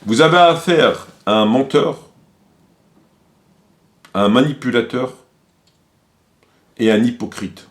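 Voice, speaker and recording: Slow and expressive, with frequent pauses, a mid-range male voice presents a video of argumentative commentary. He is accusatory and polemical, repeating phrases again and again for emphasis.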